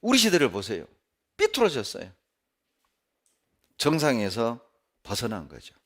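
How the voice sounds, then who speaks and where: Lively, animated male pastor preaching. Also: lowish voice. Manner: animated, emphatic preaching with sharp rises and drops. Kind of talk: sermon. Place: church.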